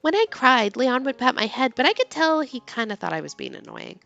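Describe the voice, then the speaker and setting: A woman reading game text aloud with expressive narration and casual commentary, as a let's player. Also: high voice, a little fast, gravelly, lo-fi sound, faint music behind.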